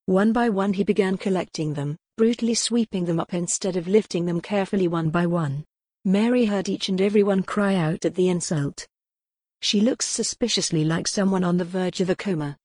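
Low-voiced woman narrating a gothic novel. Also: darkish tone, no echo, studio quality. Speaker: audiobook narrator. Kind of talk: scripted narration.

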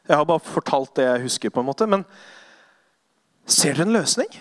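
A man preaching a sermon, retelling Bible stories with lively acted-out voices and sudden hushed passages. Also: a little high, dry recording, studio quality. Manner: animated storytelling, acting out voices, drops to hushed tones.

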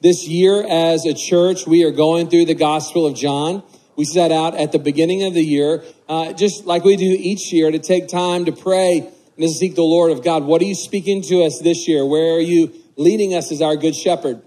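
A male pastor with a hoarse, gravelly rasp from a lingering cough, preaching in an earnest, unhurried way. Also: on the high side, fairly even intonation, dark tone, low-quality recording. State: getting over a cough. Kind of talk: sermon with prayer and scripture reading.

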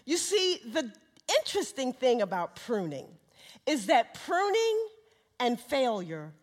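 Animated woman preaching in a reverberant hall. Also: unhurried. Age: older. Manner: animated preaching, swinging from low to shouted highs. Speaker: guest speaker, minister. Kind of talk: sermon.

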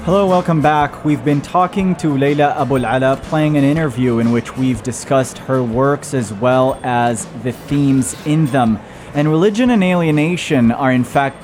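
A man's voice: medium pitch, a little mellow, slight background noise. A man radio host reading a scripted introduction between interview clips. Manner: clear, read-out introduction.

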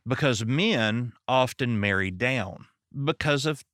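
A man's voice: mid-range voice, expressive, slow pace, fairly bright tone, no echo, studio quality. Southern-accented male podcast host. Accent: Southern American. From Arkansas. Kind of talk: casual podcast interview.

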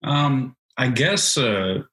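A man's voice: mid-range voice, lively intonation, very slow, pushed and bright, rough recording. A man in his forties from New Hampshire, a guest telling his story in a casual interview with many fillers and restarts. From New Hampshire, USA. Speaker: guest, Army veteran.

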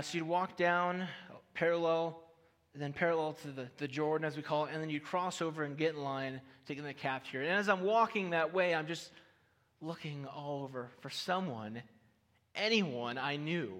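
Storytelling preacher, higher voice, reverberant hall. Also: male voice, fairly bright tone. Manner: personal storytelling with light humor, addressing the audience.

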